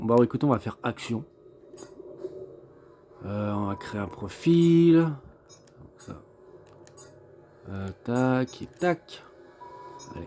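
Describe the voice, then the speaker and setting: A man's voice: medium pitch, dark tone. A man giving casual gameplay commentary as a game reviewer, thinking aloud and hesitant, with many fillers. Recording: clear background noise.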